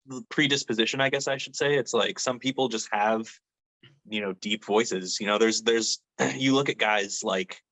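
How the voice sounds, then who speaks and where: A young man talks loosely and at length, a metal vocalist in a casual interview. His voice sits a little low yet comes across bright and forward. He rambles, leans on fillers and swears easily. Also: moderate pace. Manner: laid-back, rambling, lots of fillers and swearing.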